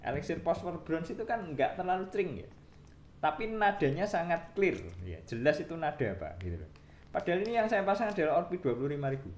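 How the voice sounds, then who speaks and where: A man's voice: on the high side, big pitch swings, fast talker, reverberant, a little hiss or hum. A man with an East Javanese Indonesian accent, a guitar repair shop owner, talking casually as he explains his work and counts off the frets aloud. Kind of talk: casual workshop demo talk.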